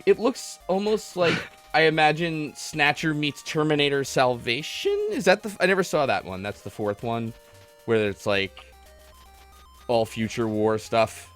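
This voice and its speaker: Retro video game music sits behind a man whose voice is a little high, unhurried and fairly bright. He's hosting a gaming livestream podcast, taking callers and rambling casually in a geeky, self-deprecating way while playing a game.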